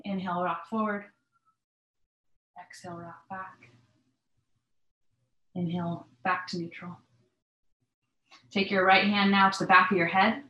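A woman instructor guiding a stretching class with breathing cues in a calm, measured, step-by-step manner. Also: medium pitch, lo-fi sound. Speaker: yoga and mobility instructor. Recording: echoey, roomy sound.

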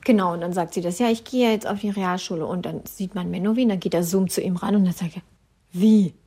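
A young woman co-hosting a casual podcast, telling stories in animated quick bursts with frequent laughter. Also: fairly low pitch, breathy edge. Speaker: podcast co-host. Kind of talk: casual chat.

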